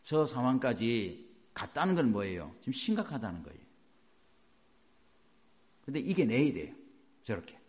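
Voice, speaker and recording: A man's voice: mid-range voice, very animated, normal speed, pauses often, a little mellow. A man pastor preaching a sermon, emphatic and asking the congregation rhetorical questions.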